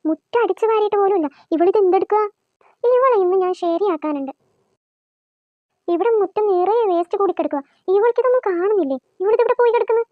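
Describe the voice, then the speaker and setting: A woman's voice: extremely high pitch, lively intonation, fast, no room sound, phone-quality sound. A woman voicing a bossy, self-pitying old mother-in-law in a cartoon, scolding and sarcastic as she complains. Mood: grumbling. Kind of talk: cartoon voice acting.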